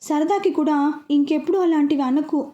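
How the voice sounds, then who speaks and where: A woman's voice: sits high, brisk, warm tone, dull audio. A woman reading a serialized romance story aloud, narrating and speaking the characters' lines in her own voice.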